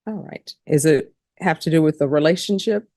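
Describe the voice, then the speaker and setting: A woman judge running a court hearing speaks in a low, mellow voice at a moderate pace. Her questioning is formal and procedural, and she spells out names. The recording is studio quality with no echo.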